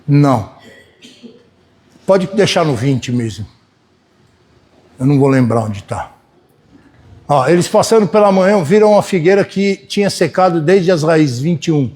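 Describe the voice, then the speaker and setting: With a fairly high pitch and a measured pace broken by frequent pauses, a pastor preaches to his church in a Brazilian Portuguese accent. He's animated and folksy, alternates between loud and soft, and keeps checking in with his congregation.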